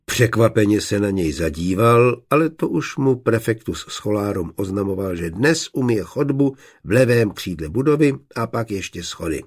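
A man narrating an audiobook in a steady, measured way. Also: lowish voice, husky.

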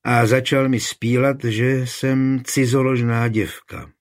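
A man's voice: medium pitch, level tone, close to an everyday voice. A man voicing an anxious, devout young village woman who pleads in a raised, fretful voice. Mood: worried.

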